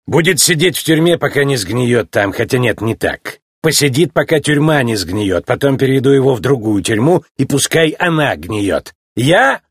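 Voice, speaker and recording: A man voicing a stern older male judge car, gruff and commanding. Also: medium pitch, very animated, normal speed, few pauses, no echo, clean studio sound.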